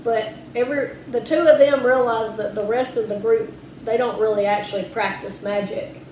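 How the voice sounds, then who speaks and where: A woman's voice: on the high side, fairly even intonation, normal speed, darkish tone. A woman co-hosting a podcast, talking casually and trailing off with lots of fillers. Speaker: podcast co-host. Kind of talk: casual chat. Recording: roomy echo, faint background hiss.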